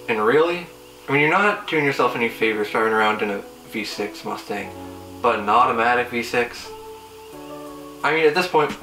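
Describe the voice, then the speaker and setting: A young man hosts a car review with sarcastic, teasing jabs in a casual but scripted style. His voice is bright and punchy at a medium pitch. It sounds roomy and set back from the microphone, with faint music behind. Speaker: car video host. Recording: roomy echo, distant mic, faint music.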